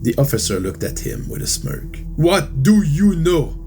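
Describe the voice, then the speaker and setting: A man's voice: fairly low pitch, brisk, a little mellow, faint music behind, natural voice. Man putting on a blunt Russian soldier. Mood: insistent. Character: hot-tempered male Russian ex-enemy soldier.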